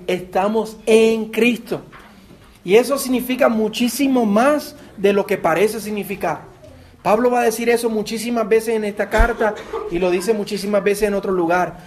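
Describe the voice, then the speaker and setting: A man's voice: high-pitched, darkish tone. A man with a Puerto Rican accent preaching a sermon as pastor, earnest, repeating words and asking his listeners direct questions. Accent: Puerto Rican Spanish. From Puerto Rico.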